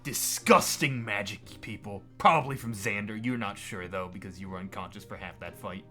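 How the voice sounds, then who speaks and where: A man's voice: lowish voice, normal speed, bright, forceful tone. A man casually narrating a tabletop role-playing game as game master. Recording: background music under the voice. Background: plucked guitar music.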